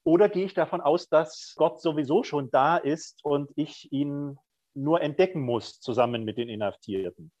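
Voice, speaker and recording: Middle-aged guy talking through his chaplain work, thoughtful, lots of little pauses, kinda dull dry recording. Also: fairly high pitch, a little mellow, dry recording. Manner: thoughtful, candid, with frequent hesitations. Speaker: prison chaplain, podcast guest. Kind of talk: reflective conversational interview.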